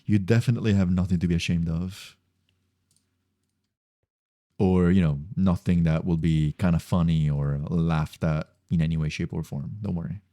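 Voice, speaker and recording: A game streamer chats casually while playing, his low, mellow voice fairly even in intonation at a moderate pace. He thinks aloud in a rambling, repetitive way, and the recording is dry with clean studio sound.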